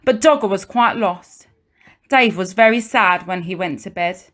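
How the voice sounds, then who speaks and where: This mid-range, slightly bright voice belongs to a woman reading a children's storybook aloud like a primary teacher. She reads expressively, pausing deliberately and stressing words for young listeners.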